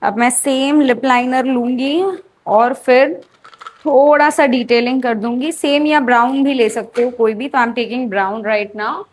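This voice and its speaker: A woman's voice: sits high, steady tone, a little slow. A young Indian woman vlogging casually about her makeup and outfit, switching between Hindi and English. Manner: chatty, mixing Hindi and English. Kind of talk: casual beauty vlog narration.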